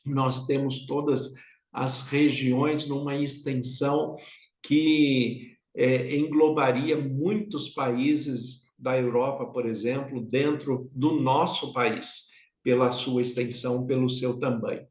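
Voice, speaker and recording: A pastor from São Paulo with a São Paulo accent, giving an unhurried, reflective devotional sermon and speaking directly to the listener. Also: male voice, medium pitch, fairly even intonation, darkish tone. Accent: São Paulo Portuguese. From São Paulo, Brazil. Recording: roomy echo.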